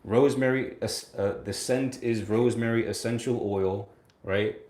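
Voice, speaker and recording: Recorded in an echoey room, this livestream host is a young American man in his late twenties who reads out viewer comments and responds to them. He speaks at normal speed, a little low and darkish, with fairly even intonation. He laughs a lot, repeats himself and keeps checking in with "right?".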